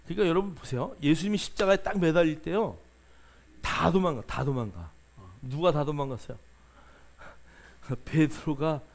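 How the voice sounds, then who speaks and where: A male pastor delivers a lively sermon in a gravelly, somewhat high voice. He keeps putting questions to his listeners and urging them to answer out loud, with filler sounds running between his phrases. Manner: lively preaching, asks the congregation questions, many fillers.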